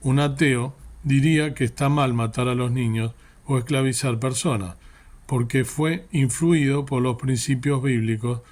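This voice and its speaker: A man's voice: mid-range voice, a little mellow. Earnest man preaching. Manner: earnest, asks rhetorical questions. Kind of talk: sermon reflection.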